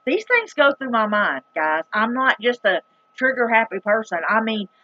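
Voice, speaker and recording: Her voice sits on the high side and swings widely in pitch, with a sharp tone and moderate pace. She is a middle-aged vlogger from the rural United States with a Southern accent, telling her viewers a story in a casual, dramatic, emphatic, plain-spoken folksy way. The audio is dull with no echo.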